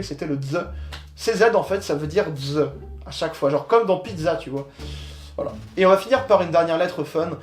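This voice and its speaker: A young man hosting a casual explainer video in a laid-back, slangy way, with many filler pauses. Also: on the high side. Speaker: host of a micronation channel. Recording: echoey room with faint background music.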